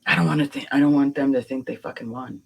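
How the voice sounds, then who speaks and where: A woman's voice: a bass voice, fairly even intonation, fast, creaky, husky, rough recording. Sex: woman. Role: podcast guest. Style: casual chat. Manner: candid, emotional, jokey, swears at times.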